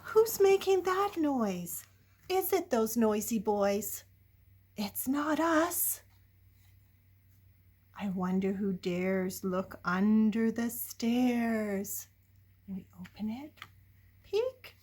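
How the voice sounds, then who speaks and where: An older woman reads a picture book aloud to young listeners, playfully and dramatically, asking them questions and swinging between hushed whispers and loud exclamations. Her slightly rough voice is a little high and animated, extremely slow, with frequent pauses.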